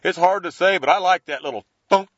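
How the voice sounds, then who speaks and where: A man's voice: high-pitched, brisk, dry recording, dull audio. A man speaking as an interview guest in casual, folksy, slangy language, explaining things informally. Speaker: professional angler, interview guest.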